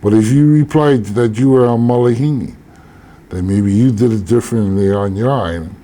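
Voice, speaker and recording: Older man, elder teaching tradition, slow measured delivery, lowish voice. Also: warm tone. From Hawaii. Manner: slow, measured, with deliberate pauses.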